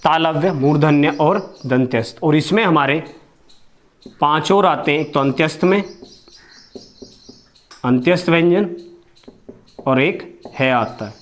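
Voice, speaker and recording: A young man teaching a grammar lesson, speaking slowly and repeating each sound for his pupils to copy. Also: on the high side. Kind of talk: online Hindi grammar lesson.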